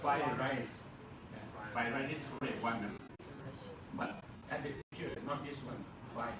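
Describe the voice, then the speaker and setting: Slow Burmese-accented teacher in echoey room. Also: male voice, mid-range voice, crowd noise. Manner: slow, repeats words, chuckles often. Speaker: English teacher. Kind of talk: classroom lecture. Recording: echoey classroom, mic far off, noisy.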